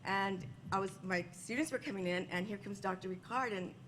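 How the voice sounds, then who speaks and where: A woman's voice: medium pitch, a little fast, a bit bright, a little hiss or hum, rough recording. A woman teacher answering a panel question, nervous and chatty, often restarting her sentences.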